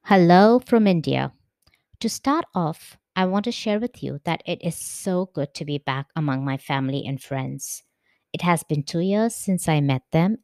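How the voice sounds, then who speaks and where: A woman with a lowish voice hosts a reflective podcast, introducing her guest in a careful, measured way. She slows her pace to stress key phrases. Her voice sits dry and close to the mic. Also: dark tone, dry recording. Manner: measured, deliberate delivery with slowed emphasis. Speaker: podcast host. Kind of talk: scripted podcast introduction and interview. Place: currently in India.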